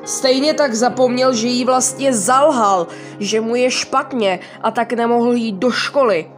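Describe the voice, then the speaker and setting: Brief: woman horror narrator, higher pitch, soft music underneath. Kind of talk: scripted horror story narration.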